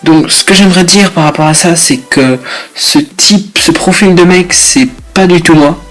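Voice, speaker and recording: Young French vlogger, casual crude humor, filler-heavy, a touch high-pitched. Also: male voice, normal speed, a bit bright, low-quality recording. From France. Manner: laid-back, rambling, blunt slangy jokes with many fillers. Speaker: YouTuber reacting to statements.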